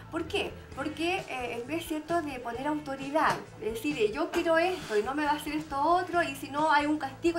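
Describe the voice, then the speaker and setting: High-voiced woman explaining. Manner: explanatory, with frequent "¿cierto?" tags. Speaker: panelist speaking on parenting. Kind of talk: casual TV panel chat.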